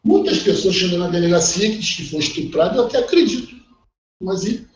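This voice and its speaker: A man's voice: high voice, fairly quick, distant mic. A middle-aged man with a Brazilian Portuguese accent teaching law in a recorded online class, talking bluntly and acting out the people he quotes. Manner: blunt and animated, acts out quoted voices. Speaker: law professor. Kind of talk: recorded online lecture, conversational. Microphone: online class call. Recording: dull, echoey audio with faint noise.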